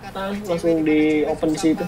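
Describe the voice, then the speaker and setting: A woman giving excited, casual live commentary on a game match, using slang and repeating words. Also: deep voice, moderate pace. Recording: crowd noise behind the voice.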